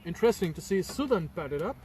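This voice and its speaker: Easygoing cricket commentator, slightly high voice. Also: male voice, animated, fast talker, a little mellow, a little hiss or hum. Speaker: match commentator. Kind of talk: casual live commentary. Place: outdoors at a cricket ground.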